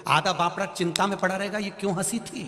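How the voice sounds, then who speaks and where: A male preacher tells devotional stories to a gathering and acts out each character's voice as he goes. His voice sits fairly high and sounds bright and forceful. It rings through a reverberant hall over faint music. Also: fairly even intonation, quick pace. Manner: storytelling, acting out quoted voices with wide pitch swings.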